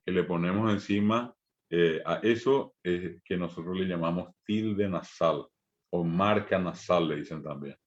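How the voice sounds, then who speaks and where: Patient Paraguayan man teaching slowly. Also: low-pitched. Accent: Paraguayan Spanish. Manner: patient, repeats words slowly for learners, frequent "eh" fillers. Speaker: Guaraní language teacher. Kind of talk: online language lesson. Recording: dull lo-fi audio.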